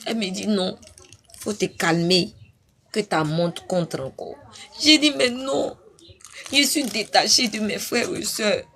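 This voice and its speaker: A woman's voice: mid-range voice, slow pace, a bit bright. A woman preaching her testimony on a live stream, fervent and repetitive, breaking into sudden cries. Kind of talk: impassioned spoken testimony.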